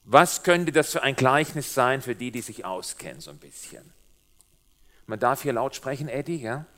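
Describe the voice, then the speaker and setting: Speaking at a moderate pace in a mid-range voice, this middle-aged man preaches as a guest, addressing the congregation directly with lively humor. His accent is Swabian German, shaded by Swiss German from years spent in Switzerland.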